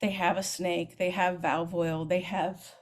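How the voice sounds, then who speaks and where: A woman in her fifties, a middle school band director, explaining trumpet technique in a lively, chatty way and demonstrating as she talks. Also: lowish voice, unhurried. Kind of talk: teaching clinic, explaining technique.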